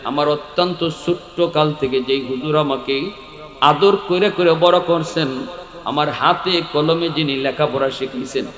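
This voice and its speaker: A man with a Sylheti Bengali accent giving a sermon, swinging from shouted peaks to quiet storytelling. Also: a little high, a little slow. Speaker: preacher. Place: large outdoor or hall religious gathering. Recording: echoey hall with long reverb.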